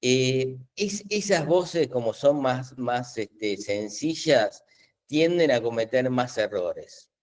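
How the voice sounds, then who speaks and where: A middle-aged man answers questions in a live webinar, talking over a video call at an ordinary pitch. He explains things patiently, filling pauses and restarting sentences as he goes. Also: animated. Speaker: webinar host explaining AI tools.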